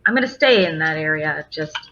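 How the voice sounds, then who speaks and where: A woman's voice: on the low side, normal speed, pushed and bright. A woman playing in a tabletop game, stating her actions plainly. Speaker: player. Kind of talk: casual game chat. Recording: dull lo-fi mic.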